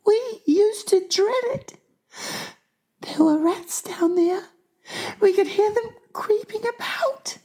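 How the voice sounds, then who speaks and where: Sophie, very high-pitched little girl. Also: animated, mellow, heavily acted. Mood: distressed. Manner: polite, plain-spoken, deliberate phrasing. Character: earnest, plaintive little orphan girl. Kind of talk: dramatized children's audiobook.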